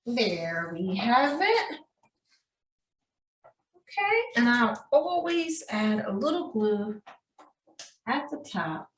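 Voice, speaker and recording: Speaking extremely slowly and pausing often, a woman with a slightly high voice and big pitch swings shows young children a craft. The preschool teacher is sing-song, calls the kids friends and checks in frequently; there is slight background noise, roomy echo and a distant microphone.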